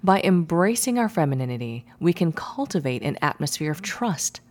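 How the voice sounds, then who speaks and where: Low-voiced woman narrating with poise. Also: sing-song, normal speed. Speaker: host and coach reading her newsletter. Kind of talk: scripted audio newsletter narration.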